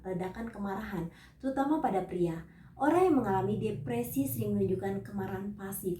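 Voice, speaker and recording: A woman evangelist giving a scripted teaching sermon, reading out numbered points and Bible verses in a measured way. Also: medium pitch, dark tone, roomy sound, distant mic.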